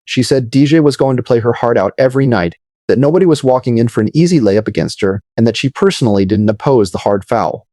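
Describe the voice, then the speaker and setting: A man narrating scripted video commentary in a measured, dramatic storytelling manner. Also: medium pitch, animated, warm tone, no room sound, clean studio sound.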